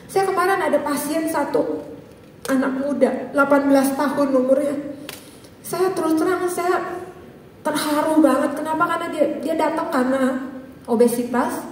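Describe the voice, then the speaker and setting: A middle-aged woman with a Jakarta accent, a physician giving a personal testimony in church. She tells her story in a lively way and often addresses her listeners as brothers and sisters. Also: high voice, moderate pace, pauses often, a little hiss or hum. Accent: Jakarta Indonesian. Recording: echoey hall, voice from far off.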